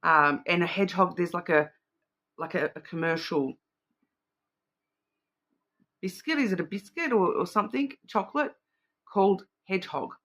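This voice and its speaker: A woman's voice: lowish voice, expressive, fairly quick, a bit bright. A middle-aged woman giving a casual psychic card reading, thinking aloud in a rambling, intuitive way. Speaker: card reader.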